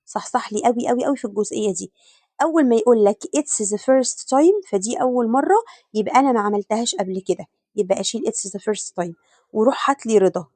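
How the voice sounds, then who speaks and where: A woman's voice: mid-range voice, warm tone, no room sound. A woman with an Egyptian Arabic accent teaching an exam revision lesson, who drills students by asking and answering her own questions. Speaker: English teacher.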